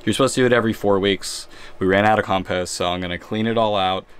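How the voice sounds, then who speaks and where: A man's voice: lowish voice, fairly even intonation, quick pace, smooth. A young man vlogging to a handheld camera at arm's length inside a camper van, upbeat and chatty. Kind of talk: casual vlog talk.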